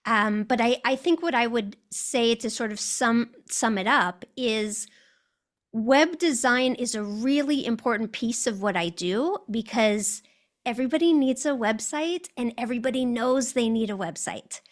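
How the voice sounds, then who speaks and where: A woman's voice: a little high, unhurried. A woman with an American accent, a guest telling her story in an interview, articulate and reflective.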